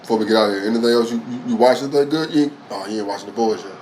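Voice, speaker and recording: A man co-hosting a podcast in relaxed, casual chat, rambling from one anecdote to the next. He talks in profane, informal slang with a mid-range voice. A faint hiss sits under the recording. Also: medium pitch, rapid-fire. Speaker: podcast co-host.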